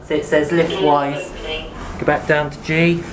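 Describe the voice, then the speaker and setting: Very slow, echoey matter-of-fact lift commentary. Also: mid-range voice, little pitch movement, crowd noise. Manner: matter-of-fact, short factual remarks. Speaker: lift enthusiast filming tours. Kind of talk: casual descriptive commentary on equipment. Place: inside lifts in a store. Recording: echoey, noisy lift interior.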